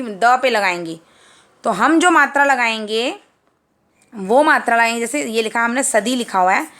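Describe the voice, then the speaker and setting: A woman teaching Hindi grammar to young children, patiently repeating each word and sounding it out slowly. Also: high-pitched, fairly bright tone. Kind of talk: explaining grammar at a whiteboard.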